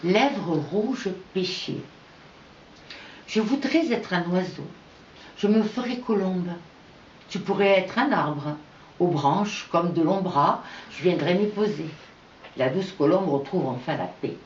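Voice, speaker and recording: Woman reading her own poems real slow, bit low voice, echoey muffled room sound. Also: a little hiss or hum. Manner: unhurried, measured recitation with pauses between verses. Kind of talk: poetry reading. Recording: echoey, dull lo-fi room recording.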